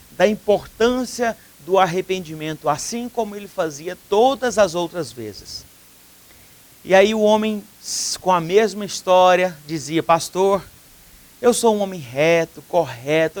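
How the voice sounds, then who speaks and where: A Brazilian man preaching as a pastor on a television program. His voice sits high for a man, and he tells a long story with earnest feeling. He brings the quoted dialogue of its characters to life as he goes. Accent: Brazilian Portuguese. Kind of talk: sermon storytelling. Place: TV studio.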